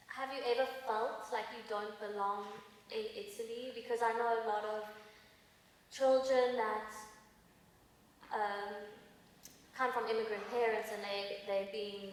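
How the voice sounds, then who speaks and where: A woman interviewer asking curious, gently probing questions in a casual conversation. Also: medium pitch. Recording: distant roomy echo with faint background noise.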